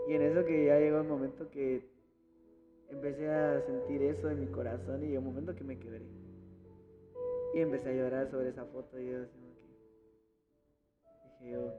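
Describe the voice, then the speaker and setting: A man, a church pianist, tells a personal faith story in an earnest, reflective, halting way during a casual conversation. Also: mid-range voice, flat delivery. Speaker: church pianist sharing a testimony. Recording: reverberant, dull recording with music behind.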